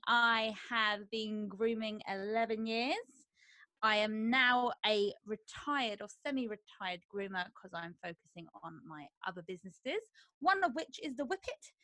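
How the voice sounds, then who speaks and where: A woman's voice: fairly high pitch, pushed and bright, dry recording. A woman from south London with a south London accent, chatting casually and self-deprecatingly as a podcast co-host. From Croydon, south London.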